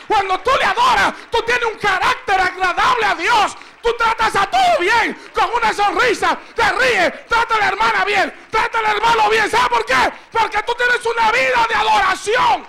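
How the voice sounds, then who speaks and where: A male preacher giving a fervent Spanish sermon, often shouting and dropping in short English phrases. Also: very high voice, normal speed, gravelly, hardly any pauses, very noisy.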